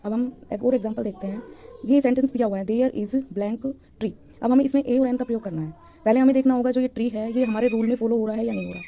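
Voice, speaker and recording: A woman's voice: fairly high pitch, racing, warm tone, dull audio, a little hiss or hum. A woman teacher giving a grammar lesson, patiently repeating points and answering her own questions.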